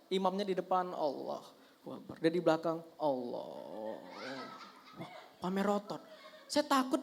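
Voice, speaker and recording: A young man doing a stand-up comedy set in a lively, teasing way, talking straight to the audience on a handheld mic. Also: high-pitched.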